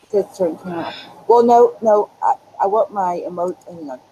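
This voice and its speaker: A woman's voice: on the low side, moderate pace, dark tone, husky. A woman chatting casually over a video call, her voice muffled and hollow as if she were talking through a tube. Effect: muffled, hollow sound as if talking through a tube. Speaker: guest joining a video call. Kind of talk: casual chat.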